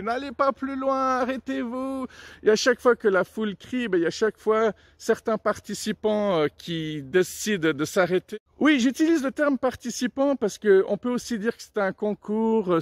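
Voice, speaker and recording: Heard without any echo, a man with a high voice rambles through jokes and small stories. His easygoing, digressive chatter is packed with fillers.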